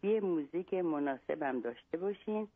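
A woman's voice: low-pitched, lively intonation, dry recording. A woman on a phone line voices a self-assured male psychologist who lectures at length and lays out odd instructions step by step. The line is thin and dry, with no room around the voice. She keeps close to her own everyday voice. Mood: instructive. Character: Iranian male psychologist, confident and long-winded.

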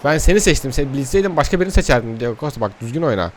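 A young man giving excitable, frustrated commentary over his own gameplay, talking to the players on screen. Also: medium pitch, rapid-fire, a little hiss or hum. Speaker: gaming youtuber.

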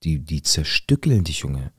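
A man's voice: rumbling low, sing-song, measured pace, fairly bright tone, breathy edge, no room sound, voice pushed down, full character voice. A man voicing a worried teenage girl who pleads and warns her boyfriend, recorded dry and close. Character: anxious teenage girl, secretive girlfriend.

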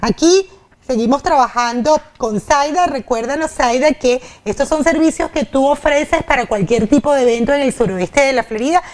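Speaking straight to viewers, a woman hosts a cooking segment on a TV studio kitchen set, wearing a lapel mic. Her voice sits high at a moderate pace, and she's upbeat as she addresses the audience directly.

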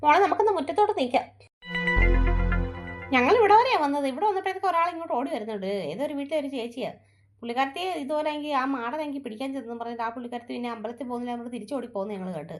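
A woman with a high, quick voice leads the group in a home-made family skit. She tells the story briskly and breaks into fearful exclamations. Music plays clearly underneath her.

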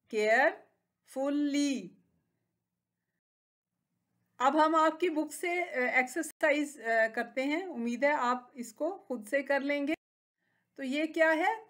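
A woman with a Pakistani accent gives a recorded school lesson to young children. Her voice is high, and she speaks slowly, stretching each word out and praising the children gently. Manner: gently encouraging. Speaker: teacher.

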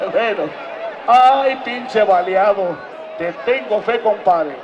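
A man with a Mexican accent announcing a game at a rodeo, shouting counts and joking with the crowd. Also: high voice, takes it slowly, highs cut off. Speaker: event announcer. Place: outdoor rodeo arena with a crowd. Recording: crowd and noise over PA.

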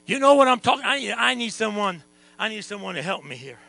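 Male pastor, high gravelly voice, preaches soft then shouts, mains hum under it. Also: big pitch swings, fast, dry recording, low-quality recording. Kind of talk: revival sermon. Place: church sanctuary.

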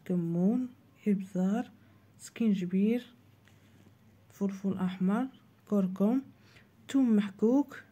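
A woman with a Moroccan Arabic accent voices over her cooking channel, guiding viewers through a recipe step by step. She speaks plainly and instructively, talking straight to her audience in a mellow, medium-pitched, slightly rough voice.

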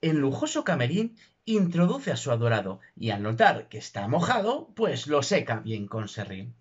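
A man recites comic verse with theatrical drama, slow and declamatory. His husky voice sits fairly high and swoops widely. The recording is dull and muffled. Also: huge pitch swings. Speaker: narrator.

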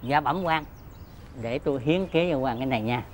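A man's voice: medium pitch, fairly quick, slight background noise, close to an everyday voice. An actor playing a cheeky, deferential male court clerk in a folk tale TV drama.

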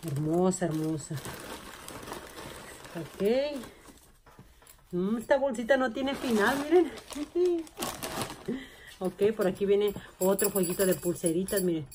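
A woman vlogging casually as she unboxes finds, gushing with excitement and calling to her viewers. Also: mid-range voice, takes it slowly, long pauses, noisy background.

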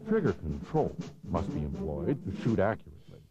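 Loud music plays under a deep-voiced American man who narrates a training film with calm authority. Each instruction is carefully enunciated, his pitch shifting in lively steps. The recording has a slightly muffled quality reminiscent of a 1990s videotape soundtrack.

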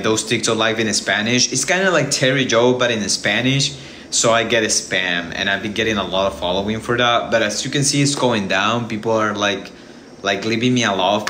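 A man's voice: fairly low pitch, bright, forceful tone, slight background noise. A man in his thirties chatting casually on a livestream from his kitchen, rambling and restarting often, recorded on a phone's front camera. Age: 30s. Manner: rambling, hesitant, many restarts. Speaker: livestream host. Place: indoor home kitchen.

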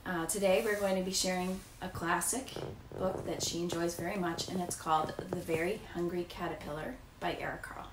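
An American woman in her thirties, a teacher, reads a children's picture book aloud in a living room. Her voice is fairly low with fairly even intonation and a slightly fast pace. The camera sits a few feet away, giving a distant, echoey room sound with faint noise.

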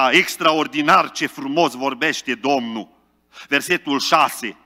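High-voiced, bright man preaching. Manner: fervent preaching, rising to loud exclamations. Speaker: pastor. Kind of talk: sermon. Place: large church hall. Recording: long church reverb.

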